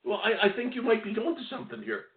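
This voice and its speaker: A man's voice: high-pitched, wildly swooping pitch, quick pace. An older man hosting a radio education talk show, chatting casually and rambling in a loose, friendly way. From Maine. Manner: chatty, rambling, laughs easily. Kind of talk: casual radio interview chat. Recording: tinny phone-line audio.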